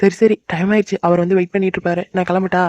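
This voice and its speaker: A woman voicing a caring young married woman in a cartoon, a soft-hearted elder sister who cries easily. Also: on the low side, flat delivery, racing, lightly acted. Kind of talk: cartoon voice acting. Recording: dry, dull lo-fi recording.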